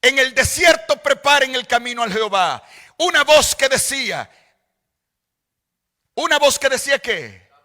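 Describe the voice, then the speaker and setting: Male pastor, very high voice, slow emphatic sermon delivery, long church reverb. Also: sing-song. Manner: emphatic, rising to shouts on quoted scripture; slow and deliberate, repeating phrases for emphasis. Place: large church hall.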